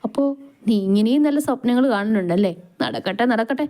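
A woman's voice: a little high, lively intonation, quick pace, warm tone, lightly acted. A woman voicing a playful, blunt young woman who teases her dreamy friend. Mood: teasing. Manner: teasing, scolding.

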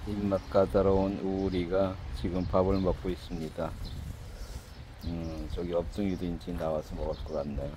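A man feeding street cats outdoors. He coos to them in a raised, sing-song baby-talk voice and drops to quiet, low asides when he narrates. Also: level tone, moderate pace. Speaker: street cat caretaker. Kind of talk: casual vlog narration while feeding cats. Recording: outdoor street noise with passing traffic.

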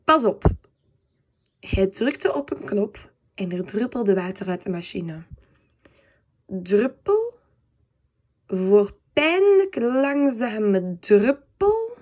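Expressive woman reading a children's book. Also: mid-range voice, very slow, long pauses, husky. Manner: expressive, with comic timing. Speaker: narrator.

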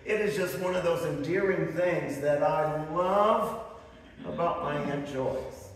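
Speaking slowly in a higher register, a middle-aged pastor from the northern US preaches fervently from a lectern, using rising emphasis and storytelling asides. The sound comes from a distant camera in the echoey church sanctuary.

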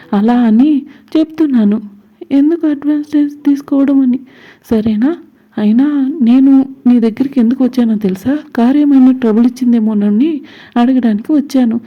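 Woman voicing young man, cold, scolding, higher pitch, dull lo-fi sound. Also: close to an everyday voice. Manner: scolding, repeated questions.

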